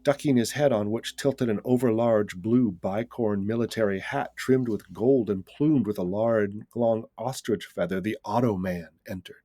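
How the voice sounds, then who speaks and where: A man, the author, reading aloud from his novel in a measured, deliberate storytelling manner. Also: fairly low pitch, mellow, dry recording, clean studio sound. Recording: reading with guitar music behind.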